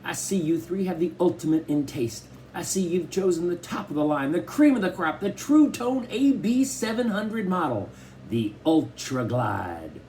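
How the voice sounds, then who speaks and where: Showman dad played by a male reader: pompous sales patter, lively and warm. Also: a little high, moderate pace, a little hiss or hum, voice pushed up, low-quality recording. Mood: pompous salesman. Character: playful showman father doing a salesman pitch. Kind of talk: audiobook character voice.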